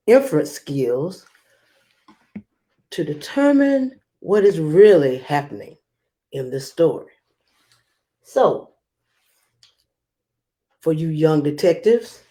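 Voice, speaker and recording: A woman with a low, mellow voice hosts a read-aloud lesson as a guest reader for children. She speaks directly to her young listeners in an instructive way, using emphatic pauses.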